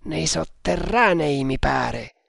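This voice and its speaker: A man gives voice to a grim, secretive cultist in an audiobook, speaking slowly and deliberately. The tone is gravelly, and the sound is close and dry. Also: on the high side, lively intonation, a bit bright, no echo, heavily acted. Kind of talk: audiobook character voice.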